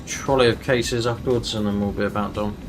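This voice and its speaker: A man's voice: fairly low pitch, steady tone, a little fast, background noise. A man giving casual running commentary to viewers as he flies a flight simulator. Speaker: streamer flying a flight simulator.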